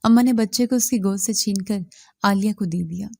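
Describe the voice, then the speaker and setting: A woman narrating a moral story in a steady, even reading voice. Her tone is mellow and dark, and the recording is close and dry with no room sound. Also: medium pitch, gravelly, dry recording.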